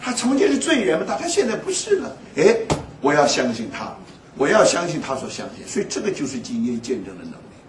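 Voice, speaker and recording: An animated man delivering a sermon, his voice pitched a little high and swooping widely as he tells stories. He laughs often as he talks. He sounds distant from the mic, with echo all around him. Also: brisk, background noise. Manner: animated storytelling with frequent laughs. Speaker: preacher. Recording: echoey hall, voice from far off.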